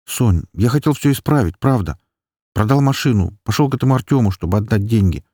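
A man's voice: on the low side, animated, brisk, mellow, no room sound, clean studio sound, voice pushed up. A man voicing a begging, nervous young man. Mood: explaining, anxious. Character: pleading, nervous young man, remorseful gambler. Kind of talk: audiobook dialogue.

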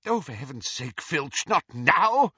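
A man's voice: a little high, very animated, a little slow, pushed and bright, husky, no echo, muffled recording, voice pushed up, exaggerated voice. A man voicing a stern elderly woman teacher in an audiobook, clipped and authoritative. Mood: fierce.

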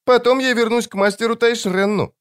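Eerie smoke demon with a childlike high voice, quiet and calm. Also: male voice, a little fast, clean tone.

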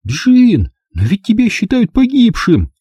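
Man putting on a shrill flustered young woman. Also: very animated, moderate pace, dark tone, husky, no room sound, full character voice. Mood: insistent. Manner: shrill, insistent, exclaiming. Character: excitable indignant young woman, flustered sister.

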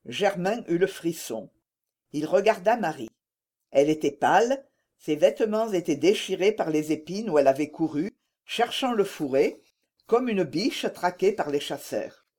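A woman reading a classic novel aloud as an audiobook narrator, in a measured storytelling manner. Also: lowish voice, animated, mellow. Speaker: audiobook reader.

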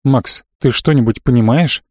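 A man's voice: medium pitch, moderate pace, darkish tone, no echo, studio quality, lightly acted. A man reading the part of a worried young male companion in an audiobook, with a grumbling tone. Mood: puzzled. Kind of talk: audiobook narration.

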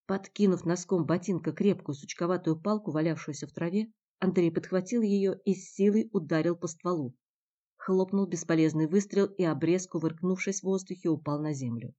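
A woman reading a novel aloud as audiobook narrator, in a steady, dramatic manner. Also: lowish voice, moderate pace. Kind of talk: scripted narration. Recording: dull lo-fi recording.

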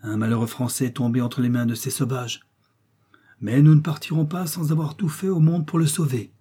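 A man reading the part of a resolute learned explorer doctor who speaks in a calm, reasoned, commanding way. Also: mid-range voice, brisk, husky, pitched above the performer's own voice, lightly acted.

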